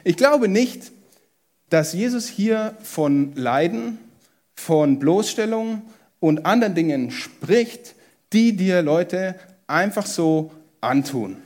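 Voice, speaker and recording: A man with a German accent preaching a sermon, emphatic and lively, addressing the congregation with rhetorical questions. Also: high-pitched, slow pace. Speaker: pastor.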